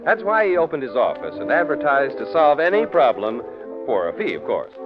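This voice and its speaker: A man's voice: mid-range voice, huge pitch swings, fairly quick. A man playing an old radio announcer, reading sponsor lines and setting the scene with polished delivery. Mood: polished showmanship. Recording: dull vintage radio recording, music behind.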